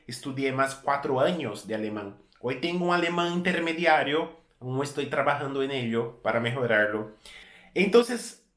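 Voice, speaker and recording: The sound is echoey as a man with a slightly high voice casually tells a story to camera for his travel vlog. A Brazilian in his thirties and a native Portuguese speaker with a Brazilian accent, he keeps things relaxed, often repeating and correcting words mid-sentence.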